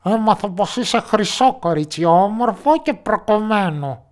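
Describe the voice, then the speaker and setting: A man voicing a boastful, ragged goblin father in a storybook tale, calling out loudly and coaxingly. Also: sits high, lively intonation, pitched above the performer's own voice. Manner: loud coaxing calls.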